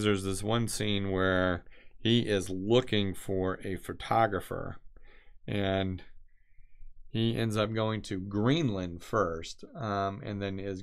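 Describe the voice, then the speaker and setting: A man chatting casually while he doodles, meandering from thought to thought with lots of fillers and restarts. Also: deep voice. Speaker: designer doodling on camera. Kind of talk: casual rambling chat.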